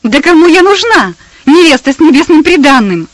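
Wailing spoiled heiress, read by a woman, high-pitched and shrill, storybook drama. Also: big pitch swings, a little fast, no echo, poor audio. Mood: shrill despair. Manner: shrill, crying out. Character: distraught rich young woman, proud, hysterical.

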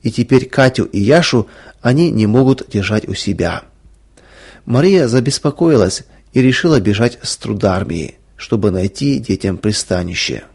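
A man narrating a story in a calm, earnest reading voice. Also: fairly low pitch, normal speed, creaky, husky.

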